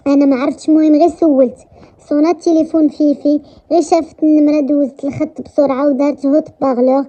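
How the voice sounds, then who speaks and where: Moroccan woman narrator, high voice, dark mellow tone, dull lo-fi sound, romance story. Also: fairly even intonation, racing. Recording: dull lo-fi recording.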